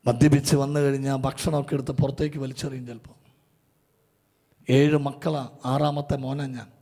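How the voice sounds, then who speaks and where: A middle-aged man preaching an emotional sermon, pleading and fervent, rising to loud climaxes. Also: medium pitch, vocal fry. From Kerala, India. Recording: large hall reverb.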